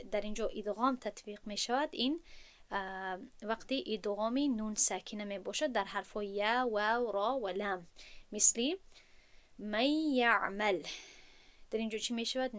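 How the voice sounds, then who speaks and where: Woman teaching Quran recitation. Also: medium pitch. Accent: Tajik Persian. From Tajikistan. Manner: patient explaining, drawn-out slow recitation of examples. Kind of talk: online tajwid lesson.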